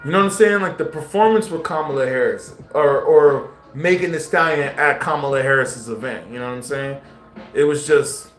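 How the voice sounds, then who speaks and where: A man's voice: fairly high pitch, normal speed. Slangy man live-streaming in a roomy space. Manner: slangy, talks straight to viewers. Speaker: livestreamer. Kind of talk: casual live-stream commentary. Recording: roomy echo with faint music.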